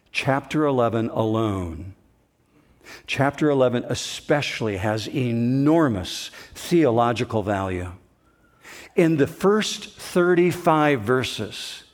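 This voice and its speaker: A male pastor preaching a sermon in a slow, emphatic way, building in intensity. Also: mid-range voice.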